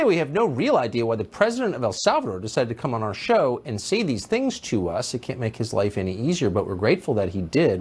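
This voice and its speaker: A man's voice: fairly low pitch, a little mellow, slight background noise. A man hosting a cable news show with a wry, sarcastic delivery. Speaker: TV host.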